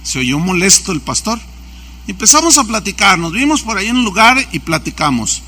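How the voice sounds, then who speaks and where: Bright-voiced pastor preaching. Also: male voice, high voice, sing-song, a little fast. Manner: anecdotal, acts out quoted dialogue. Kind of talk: sermon.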